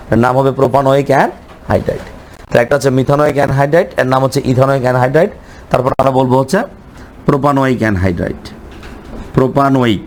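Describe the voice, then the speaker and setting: A man's voice: mid-range voice, a little hiss or hum. A male chemistry teacher giving a lecture, asking the class questions and answering them himself, repeating each name over and over. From Bangladesh.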